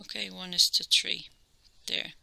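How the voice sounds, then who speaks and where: A woman's voice: on the low side, level tone, measured pace, gravelly, bright, forceful tone, dry recording, poor audio. A woman with an Irish accent teaching a maths lesson, explaining each step patiently and checking in with "okay?".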